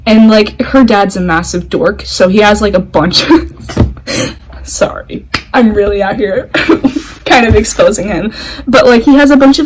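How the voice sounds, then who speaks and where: A woman's voice: medium pitch, a little mellow, a little hiss or hum, low-quality recording. A young woman chatting casually with friends, giggly and dramatic, full of exclamations. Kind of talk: casual chat.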